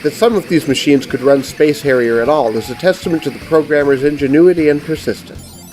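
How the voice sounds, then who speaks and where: A middle-aged man, giving scripted, measured and precise review narration as host of a retro gaming show. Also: fairly high pitch, a little mellow, faint music behind, poor audio.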